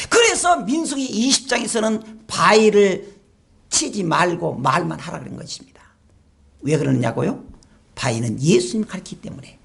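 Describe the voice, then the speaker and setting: A woman pastor delivers a sermon with animated storytelling. Her pitch swings widely as she throws rhetorical questions at her listeners, and a gravelly fry creeps into her voice.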